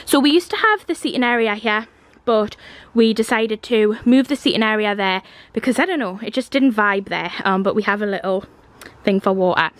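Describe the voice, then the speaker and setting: This is a young woman with a Geordie accent, from Newcastle in the North East of England, at a moderate pace and medium pitch. The dry-sounding clip captures her casual vlog-style house tour as she walks through the rooms and garden, camera in hand, chatting informally.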